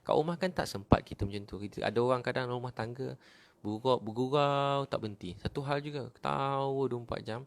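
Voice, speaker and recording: A young man preaching a sermon, telling lively stories with humor and emotional turns. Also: mid-range voice, quick pace, gravelly.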